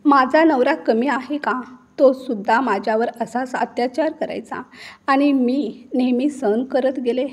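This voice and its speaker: A woman voicing a wronged middle-aged mother-in-law who has turned defiant, speaking slowly and with emphasis. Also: sits high, slightly rough. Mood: anguished. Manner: slow, emphatic dramatic delivery.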